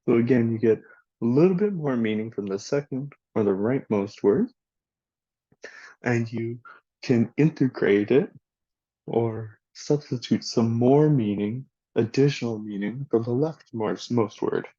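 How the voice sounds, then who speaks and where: A man giving a recorded language lesson, speaking slowly and deliberately and reading example sentences for the listener to repeat. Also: mid-range voice, mellow, dry recording, highs cut off. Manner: slow, deliberate teacher talk with spoken examples for the listener to repeat. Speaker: student presenter teaching a language lesson. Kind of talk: recorded classroom presentation.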